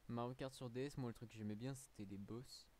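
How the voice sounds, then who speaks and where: Tired French streamer chatting casually. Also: male voice, mid-range voice, steady tone, brisk, darkish tone, a little hiss or hum. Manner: rambling, many fillers and restarts. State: a little tired. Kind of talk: casual live-stream chat.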